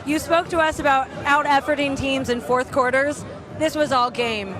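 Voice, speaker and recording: A woman sideline reporter with a high voice interviews live after the game. She speaks outdoors on a stadium field, with a loud crowd clearly behind her. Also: fairly even intonation, moderate pace, over music.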